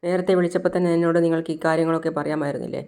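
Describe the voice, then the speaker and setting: A woman voicing a young woman comforting an old man in a spoken serial story, in a low, even reading voice. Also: rapid-fire. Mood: pleading.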